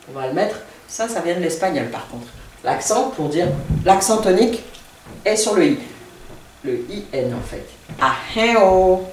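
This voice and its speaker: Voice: mid-range voice, roomy sound, recorded from a distance, a little hiss or hum, rough recording. A language teacher giving a video lesson, speaking carefully and repeating each word several times while writing on a board. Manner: writes on a board while explaining.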